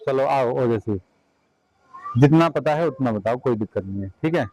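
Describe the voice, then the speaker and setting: A man's voice: medium pitch, expressive, normal speed, a little mellow, a little hiss or hum, poor audio. A man teaching a class of children, giving directions and repeating short commands.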